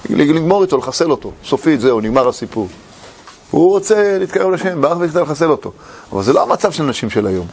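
A man delivering a religious lecture, his voice sitting fairly high and swinging widely in pitch. He talks with a storyteller's animation and slips into the voices of a quarrelling husband and wife. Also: slightly rough. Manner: animated, acts out arguing couples. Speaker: rabbi giving a lecture. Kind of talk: religious lecture with acted quotes.

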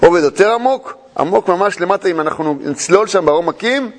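A man giving a lively sermon to a group as a religious teacher, telling stories with rhetorical questions and touches of humor. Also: high-pitched. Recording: long hall reverb.

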